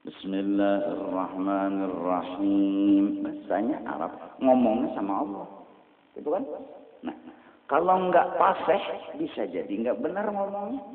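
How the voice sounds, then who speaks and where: A man's voice: a little high, big pitch swings, normal speed. A man with a Banjar accent preaching a sermon, mixing Arabic quotations into local speech. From South Kalimantan, Indonesia. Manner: mixes Arabic quotes with local speech, chants call to prayer. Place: mosque prayer hall. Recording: echoey hall over a tinny, noisy line.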